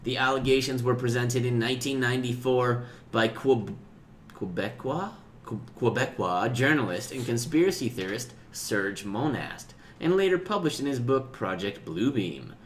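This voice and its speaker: A man co-hosting a casual cannabis podcast, clearing his throat often and stumbling over words as he reads a text aloud. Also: medium pitch, expressive, normal speed, slight background noise. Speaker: podcast co-host. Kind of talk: casual chat, reading aloud from a web page.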